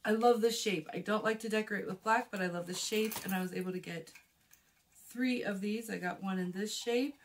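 A vlogger woman talks through her shopping haul in a friendly, chatty way, holding up items as she goes. Her mid-range voice is a little husky and slightly hoarse after being ill, and she talks fairly quickly. She's filmed in a small room by a plain wall on a phone camera with a close clip or shotgun mic.

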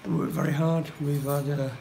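A middle-aged football manager giving a post-match interview, plain-spoken and halting, often repeating his words. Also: a little high, little pitch movement, vocal fry, mellow, slight background noise, low-quality recording. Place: indoor room by a stadium door.

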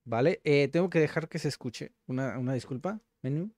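A man hosting casual language practice, repeating words slowly to sound them out. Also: a little high, background noise. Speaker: host.

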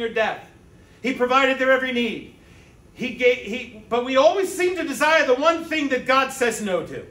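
A man with a high, bright, ringing voice preaches to his congregation, tossing in asides and "right?" check-ins. He stands back from the mic, so his voice carries a roomy church echo. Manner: conversational preaching with rhetorical asides. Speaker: pastor. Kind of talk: sermon. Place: church sanctuary. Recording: echoey church sanctuary from a distance.

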